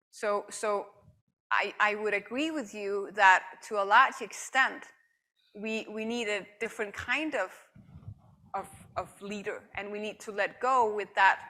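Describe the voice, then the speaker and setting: Woman keynote speaker fielding questions in a hall, bright and forceful, energetic, stumbles and repeats as she thinks. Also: medium pitch. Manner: animated, repeats words when restarting. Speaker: conference speaker. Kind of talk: Q&A after a talk. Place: conference hall.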